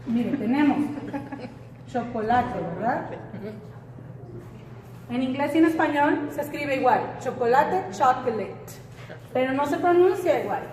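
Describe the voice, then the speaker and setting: A woman teaching an English class, often asking the students questions and repeating words slowly. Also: sits high, a little mellow, slight background noise. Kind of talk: classroom lesson. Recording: echoey room, faint background ambience.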